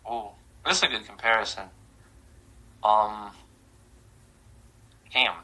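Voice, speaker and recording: Bright-voiced animated man from Croatia. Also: on the low side, takes it slowly, rough recording. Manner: animated, slangy, peppers talk with "bro" and "like". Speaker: guest. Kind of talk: casual rapid-fire this-or-that interview.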